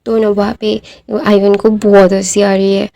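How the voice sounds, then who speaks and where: A woman's voice: medium pitch, little pitch movement, moderate pace, gravelly, mellow. A woman casually retelling a fan-fiction story at home, chatty and loose with many fillers. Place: home at night.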